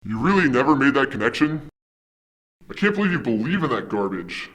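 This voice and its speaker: A man voicing a smug time-traveling version of himself from the future, his voice pitch-shifted deep, teasing in casual comedy-sketch talk. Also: sing-song, a little fast, fairly bright tone.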